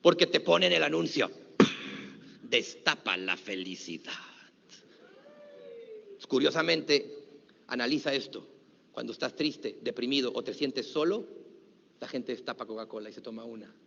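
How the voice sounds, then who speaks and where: A middle-aged man with a Mexican accent, giving a lively motivational talk and leading a conference crowd in chants. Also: mid-range voice, normal speed, vocal fry. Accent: Mexican Spanish. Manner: energetic, leads crowd in call-and-response chants. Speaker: motivational speaker. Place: large conference hall. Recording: dull, lo-fi audio with long hall reverb.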